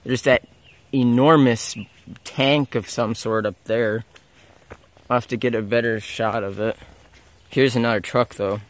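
A man's voice: medium pitch, fairly even intonation, measured pace, long pauses. Young man narrating a woodland walk. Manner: rambling, unsure, self-correcting. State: walking while talking. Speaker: explorer filming abandoned sites. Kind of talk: casual walking vlog narration. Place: outdoors in a forest. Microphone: handheld camera mic.

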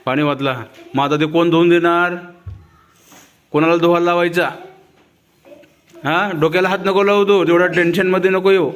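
A male teacher gently questioning a young child, asking patient, coaxing questions and soothing him. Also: high voice, fairly even intonation, normal speed, pauses often.

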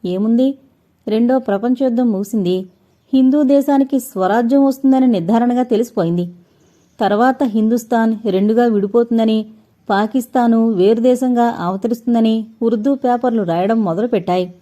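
A woman voicing a hypnotized man who recalls a past life in a slow, hollow, sorrowful way, in a dull lo-fi recording. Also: fairly high pitch, warm tone, close to an everyday voice. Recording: dull lo-fi audio.

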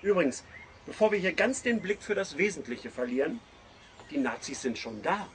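A man's voice: on the high side, expressive, moderate pace, a little hiss or hum. A man with a northern German accent reading his own satirical column aloud in a sardonic, mocking way.

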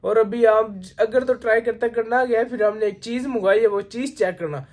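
A man from Pakistan chatting casually to camera in a vlog, excitable and exclaiming often, recorded outdoors on a noisy phone. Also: high voice, a little fast. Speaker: vlogger.

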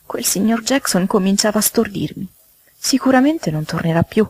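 A woman voicing a fussy, tidy little mouse housewife in a storybook reading, squeaky and flustered. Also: lively intonation, moderate pace, darkish tone, breathy edge. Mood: fretful.

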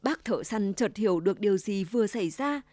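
A woman narrating a fairy tale as a scripted storybook reading, expressive and acting out each character. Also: mid-range voice, a little fast, dry recording. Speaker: storyteller for a provincial broadcaster.

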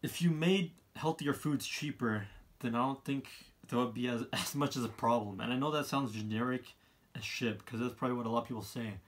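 A man, giving his opinions in a casual monologue, halting and often repeating himself as he rambles. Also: mid-range voice. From Canada. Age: 20s. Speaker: vlogger, college student. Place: small room indoors, seated by a wall.

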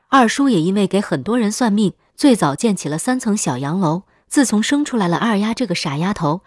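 A woman's voice: medium pitch, no room sound, clean studio sound. Woman narrating a horror story. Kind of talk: scripted first-person horror story narration.

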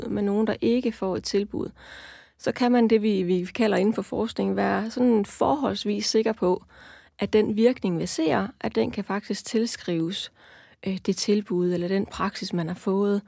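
A woman's voice: medium pitch, creaky, dark tone, no room sound, studio quality. A woman researcher explaining her view in a panel discussion, hesitant, with many fillers and restarts.

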